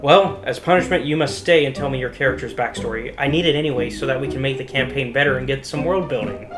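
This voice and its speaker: A man's voice: mid-range voice, quick pace, music in the background, close to an everyday voice. A man playing an exasperated game master in a conversational comedy sketch.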